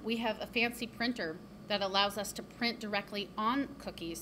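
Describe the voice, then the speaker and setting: A woman who co-owns a bakery, talking upbeat and chatty with many ums in an interview inside her shop. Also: medium pitch. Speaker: bakery co-owner. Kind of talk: casual interview. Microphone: handheld reporter mic. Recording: noticeable background noise.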